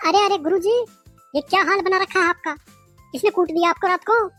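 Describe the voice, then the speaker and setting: A man's voice: very high voice, fairly even intonation, brisk, no room sound, faint music behind. A man voicing a cheeky, mocking schoolgirl in a cartoon, giggling and teasing. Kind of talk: cartoon voice acting.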